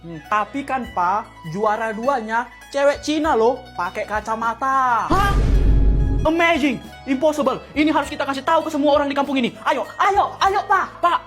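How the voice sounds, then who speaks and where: A woman performing a comic sketch, switching between many villager voices high and low with loud exclamations. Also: expressive, moderate pace, soft background music.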